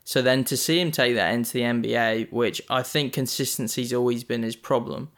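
A man's voice: mid-range voice, fairly even intonation, brisk, fairly bright tone. A man co-hosting a casual sports podcast, laid-back and joking, with the odd swear word. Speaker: podcast co-host.

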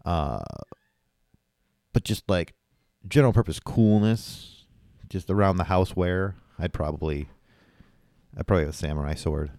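A man's voice: low-pitched, a little slow, pauses often, dark tone, dry recording, clean studio sound. A man co-hosting a podcast in casual chat, rambling and hesitant with many fillers. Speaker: podcast co-host.

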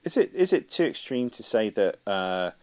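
Deep-voiced teasing podcast co-host. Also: male voice, very animated, moderate pace, darkish tone, no room sound. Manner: dry teasing wit. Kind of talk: casual comedic chat.

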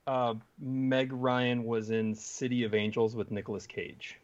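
A man's voice: medium pitch, level tone, measured pace, lo-fi sound. A man playing a movie trivia game, hesitant and thinking aloud in casual chat. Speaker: game player.

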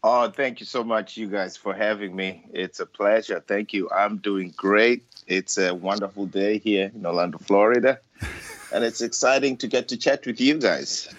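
A man's voice: fairly low pitch, normal speed, fairly bright tone, no echo, lo-fi sound. A man who is a musician, chatting casually as an interview guest.

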